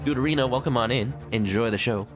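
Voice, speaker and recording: A man's voice: mid-range voice, fast. A man streaming a video game with casual, joking commentary, playful in manner, with game music behind. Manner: playful, animated.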